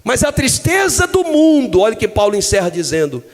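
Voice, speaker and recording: A male pastor with a Brazilian Portuguese accent, preaching with a very high voice. He swings between hushed, low phrases and loud, fervent shouts. The sound has the long reverb of a church hall. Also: sing-song, a little fast. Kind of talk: sermon.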